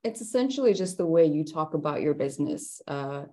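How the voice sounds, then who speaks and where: Low, mellow woman. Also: animated, brisk. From Estonia. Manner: chatty, laughs between phrases, many fillers. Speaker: workshop presenter. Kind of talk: conversational presentation.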